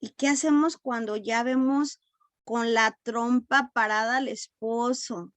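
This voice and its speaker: A woman teaching a Bible story in a relaxed, unhurried way, often correcting herself and acting out quoted lines. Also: fairly high pitch, dry recording. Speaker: preacher.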